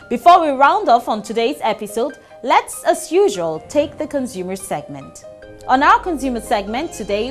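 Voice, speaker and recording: A woman presenting a news programme in a measured, formal style. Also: on the high side. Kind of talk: scripted broadcast narration.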